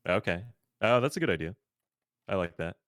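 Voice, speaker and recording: A man's voice: deep voice, expressive, a little fast, fairly bright tone, no echo, studio quality. A young man streaming casually with a friend, rambling with lots of fillers and frequent laughs. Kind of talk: casual chat.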